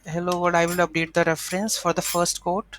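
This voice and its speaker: Talking a little fast in a flat, lowish voice, this tutorial host walks through her coding step by step, thinking out loud as she goes. The informal lesson has slight background noise.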